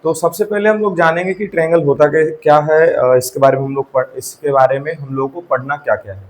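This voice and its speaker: High-voiced man teaching a maths class. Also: brisk, poor audio. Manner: asks the class questions and checks with repeated "theek hai". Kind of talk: classroom lecture. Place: classroom with students.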